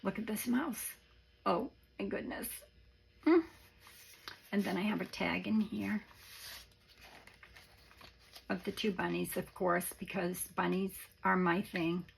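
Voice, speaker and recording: A woman giving a casual, halting show-and-tell as a craft presenter, with a raspy, worn voice that is starting to go. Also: mid-range voice, fairly even intonation, slight background noise, rough recording. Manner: halting, rambling, informal. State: voice starting to go after illness.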